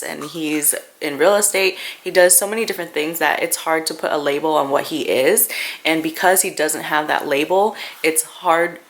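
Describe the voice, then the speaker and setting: A young family vlogger who grew up speaking Vietnamese chats casually with her viewers, pausing and thinking aloud as she goes. Her voice is low yet a bit bright, captured in noisy home-video audio with clicks.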